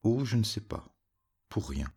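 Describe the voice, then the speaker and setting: A man voicing a proud, playful cat king in a storybook, with a gravelly, husky voice and an offhand manner. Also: on the low side, big pitch swings, unhurried, darkish tone, pitched above the performer's own voice, full character voice.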